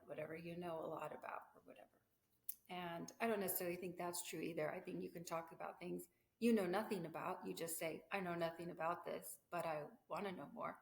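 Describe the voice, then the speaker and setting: A woman's voice: lowish voice, creaky. A woman hosting her own podcast in a candid, reflective way, her voice sounding metallic like in a tin can from the room's echo. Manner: reflective, candid, with fillers and self-asides. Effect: metallic tin-can sound from room echo. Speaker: podcast host. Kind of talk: casual solo podcast talk. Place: living room with vaulted ceiling. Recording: echoey tin-can sound in vaulted living room.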